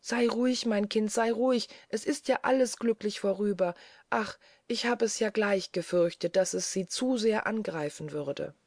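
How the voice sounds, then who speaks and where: A woman's voice: mid-range voice, moderate pace, vocal fry, few pauses, a little mellow, dry recording, studio quality. A woman voicing an anxious, loving mother who speaks with a trembling, soothing voice.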